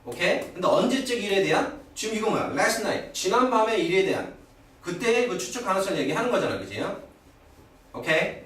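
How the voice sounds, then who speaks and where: A middle-aged man teaching English grammar in a live classroom lecture. He keeps asking his students quick rhetorical questions to check that they follow. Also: high voice, very animated, a bit bright, distant mic. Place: classroom at a cram school. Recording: echoey room, voice from afar, old video.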